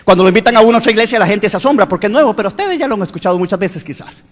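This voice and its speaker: A middle-aged man preaching a sermon as pastor, swinging between fervent shouts and low, quiet asides. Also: expressive, very fast. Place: church sanctuary. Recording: long church reverb.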